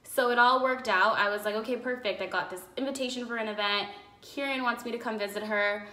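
A woman in her twenties rambles to a phone camera in her apartment living room, seated and using lots of fillers. Her slightly high, steady voice is brisk, pushed and bright, a bit raspy from a cough, and the phone mic picks up an echoey room.

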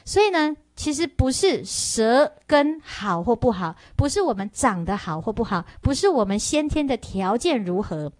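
Animated woman preaching. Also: fairly high pitch, moderate pace, hardly any pauses, dry recording. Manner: storytelling lecture with frequent "hao" and "ha" tags; animated, questions the listeners. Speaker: Buddhist nun teaching a sutra. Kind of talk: sermon.

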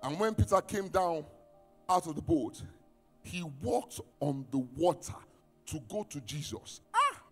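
A man preaching a sermon as pastor, reading scripture and quizzing his congregation, swinging from shouts down to near-whispers. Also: a little high, lively intonation, unhurried. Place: church hall. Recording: reverberant church hall with music.

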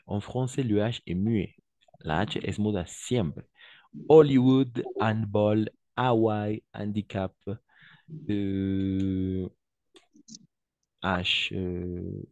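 A man with a lowish voice teaches French at a very unhurried pace. He repeats words with patience and gives frequent praise, and the sound is close and dry. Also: darkish tone, dry recording. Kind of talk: online class instruction.

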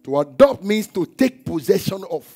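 A man preaching a church sermon, emphatic, with call-and-response shouts and chanting. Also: sits high, big pitch swings, normal speed, creaky. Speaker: pastor. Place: church hall. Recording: church service with music and congregation behind. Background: music and congregation.

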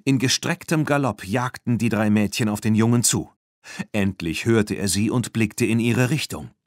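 A man narrating a children's audiobook in an expressive storytelling manner. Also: fairly low pitch, normal speed, no echo, clean studio sound. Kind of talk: scripted narration.

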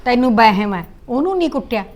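A woman's voice: fairly high pitch, sing-song, fast. A woman with a Punjabi accent playing an aunt in a village drama, soothing and motherly. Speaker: actress playing an older aunt.

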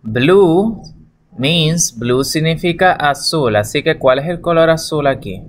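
A man teaching young children in slow, careful steps. His voice sits a bit high for a man, and he repeats each word, then checks that the class is following. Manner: patient, repeats words and checks with "¿verdad?" and "¿ok?".

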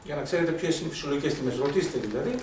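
A man giving a lively medical lecture, telling anecdotes, acting out dialogue and asking rhetorical questions. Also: a little high. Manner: animated storytelling, acts out dialogue, rhetorical questions. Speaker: doctor lecturing on blood gases. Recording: echoey hall from far off, faint noise.

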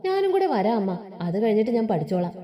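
A woman's voice: medium pitch, sing-song, fast talker, dark tone, lightly acted. A woman reading a story aloud, voicing a devoted, dutiful teenage schoolgirl who speaks in an earnest, affectionate way.

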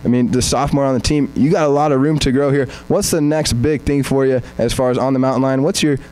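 A man's voice: mid-range voice, fairly even intonation, fast, a little mellow, faint music behind, rough recording. A young man hosting a postgame interview, asking long, upbeat, rambling questions into a handheld mic. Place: press backdrop indoors.

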